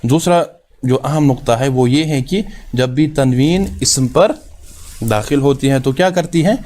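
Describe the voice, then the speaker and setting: A man's voice: mid-range voice, a little mellow. Patient man teaching Arabic grammar. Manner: asks questions and answers them himself, repeats key terms; reassuring, often says it is very easy. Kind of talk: recorded grammar lesson.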